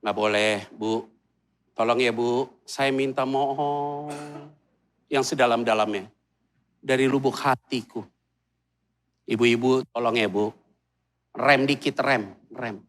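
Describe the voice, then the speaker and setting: A man, preaching a humorous sermon in a large church hall in a mall and swinging between quiet asides and loud outbursts. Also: medium pitch, fairly even intonation, takes it slowly, pauses often. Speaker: pastor.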